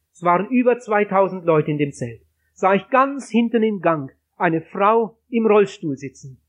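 High-voiced fervent older preacher. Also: male voice. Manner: fervent, emotional preaching with quoted hymns and psalms. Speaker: evangelist preacher. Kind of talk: sermon.

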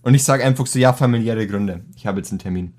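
A teenage boy chatting casually as a podcast co-host, telling a school story in slangy, animated fashion. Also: lowish voice, fast. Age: teens. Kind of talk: casual chat.

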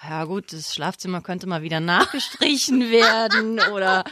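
A woman's voice: mid-range voice, lively intonation, normal speed, pushed and bright, a little hiss or hum. A woman chatting casually as a podcast co-host, candid and matter-of-fact. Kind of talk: casual chat.

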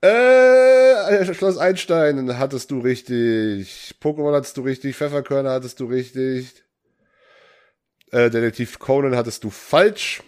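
A man's voice: mid-range voice, normal speed, darkish tone. A young man co-hosting a casual podcast, quizzing his friend and teasing him, sometimes half-singing old theme song lines. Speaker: podcast co-host running a quiz. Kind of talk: casual chat, quiz on kids' show intros.

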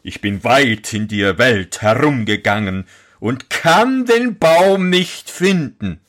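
A man reading a fairy tale aloud, voicing a huge male giant who speaks in slow, drawn-out calls. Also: medium pitch, very animated, fairly bright tone. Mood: warning.

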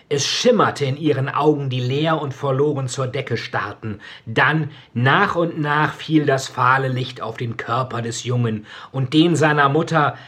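A man with a slightly husky, breathy tone reads from a novel he wrote himself. His delivery is slow and measured, with pauses that let each phrase land. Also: mid-range voice, bright, forceful tone. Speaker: author. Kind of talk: reading his own novel aloud, then commenting.

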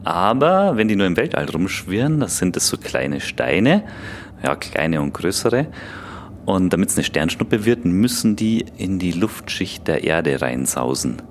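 A man's voice: low voice, sing-song, unhurried, a little hiss or hum. A man speaking as an expert guest, explaining science simply and conversationally for children.

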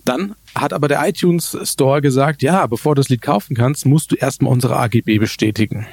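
A man co-hosting a German tech podcast, telling stories in a relaxed way with many fillers. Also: medium pitch, a little fast, vocal fry, husky, dry recording. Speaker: podcast co-host. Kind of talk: casual tech chat.

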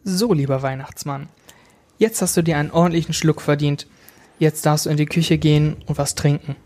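Man doing a mom's voice, raised higher, gentle and reassuring, storybook style. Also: steady tone, moderate pace, lightly acted. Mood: brisk. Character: patient mother soothing her child.

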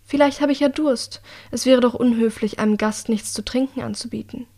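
A woman reading the part of a calm, coldly menacing young woman, speaking quietly with measured, icy politeness in an audiobook. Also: on the high side. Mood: coolly polite.

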